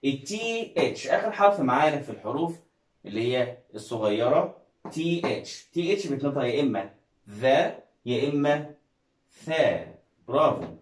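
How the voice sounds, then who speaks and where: A man's voice: medium pitch, big pitch swings, a little fast, reverberant, low-quality recording. A man with an Egyptian Arabic accent teaching an English reading lesson, coaxing viewers with questions and praise. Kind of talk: classroom-style video lesson.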